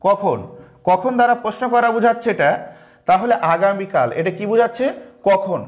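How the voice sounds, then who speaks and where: Bangladeshi guy teaching grammar online, high-ish voice, keeps asking and answering his own questions. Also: expressive. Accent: Bangladeshi Bengali. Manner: slow, repeats key terms, asks and answers his own questions.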